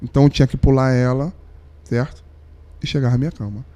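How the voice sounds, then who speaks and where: A man's voice: medium pitch, steady tone, fast talker, mellow, highs cut off. A young adult man, a podcast guest telling a moving personal story in slangy, heartfelt chat, sometimes dropping nearly to a whisper. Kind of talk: emotional storytelling in casual chat.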